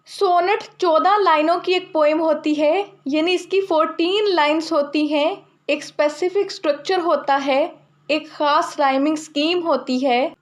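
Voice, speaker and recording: A young woman teaching literature in a steady lecture, explaining each term twice in simpler words. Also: extremely high pitch.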